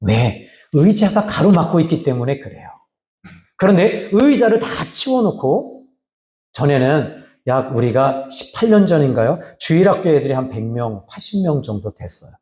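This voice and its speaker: Animated middle-aged male pastor preaching in an echoey church. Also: normal speed. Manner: animated preaching, voices God's words in a rising pitch, sometimes drops to a low aside. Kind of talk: sermon. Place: church sanctuary.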